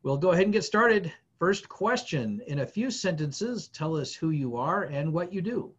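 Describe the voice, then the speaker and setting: A man's voice: on the high side, lively intonation, normal speed, slightly rough, dull audio. A man hosting a podcast, reading set questions and giving short, affirming replies. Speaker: podcast host. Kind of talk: scripted interview questions.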